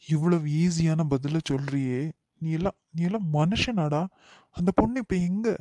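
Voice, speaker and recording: Scolding buddy done by a man, mellow dry tone, kanyakumari tamil accent. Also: on the high side, normal speed, no echo, lightly acted. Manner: scolding and questioning. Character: indignant young male friend. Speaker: cartoon character.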